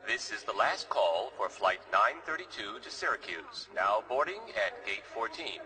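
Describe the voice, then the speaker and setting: A man voicing an airport gate announcer over a PA loudspeaker. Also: lowish voice, moderate pace, far from the mic, exaggerated voice, poor audio. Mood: formal. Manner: clear, formal announcing with lively intonation.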